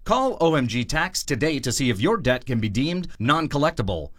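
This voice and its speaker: A man giving a scripted advertising pitch as a company spokesman. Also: sing-song, normal speed, fairly bright tone, dry recording, studio quality.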